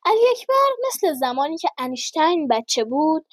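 A high-voiced woman reads a humorous first-person story aloud. She tells it lively and slows down for the punchlines. The recording is dry and close. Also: dry recording.

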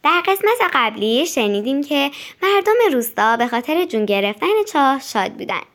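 A woman narrating a children's audiobook in a gentle, even storytelling manner. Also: fairly high pitch.

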